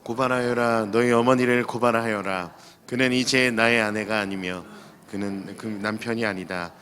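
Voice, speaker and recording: Low male voice reading scripture in a hall. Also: fairly even intonation, a bit bright. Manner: slow, solemn reading. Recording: reverberant hall, off-mic.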